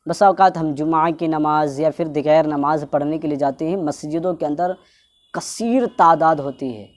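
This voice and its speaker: A woman giving a religious instruction talk, explaining at length, repeating her points and drawing out words to show how they should be pronounced. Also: deep voice. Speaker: religious teacher.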